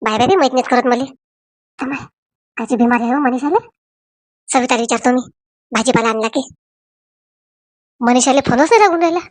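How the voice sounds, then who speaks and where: High-voiced Varhadi woman narrator. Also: a little fast, pauses often, no room sound. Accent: Varhadi Marathi. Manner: chatty, folksy village storytelling. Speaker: cartoon narrator and voice artist. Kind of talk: comic storytelling narration.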